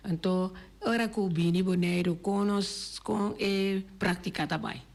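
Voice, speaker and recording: A woman's voice: mid-range voice, fairly even intonation, moderate pace, a little mellow. A woman with a Bonaire accent, hosting a radio interview with brief prompts and short backchannel replies. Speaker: radio host.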